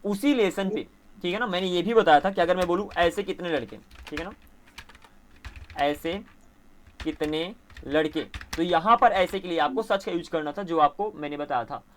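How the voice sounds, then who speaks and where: Indian male English tutor, fairly high voice, patient explainer, faint typing behind. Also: moderate pace, a little hiss or hum. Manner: explains patiently, often asks "theek hai na?"; mixes Hindi and English. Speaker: English teacher. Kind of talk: spoken English lesson.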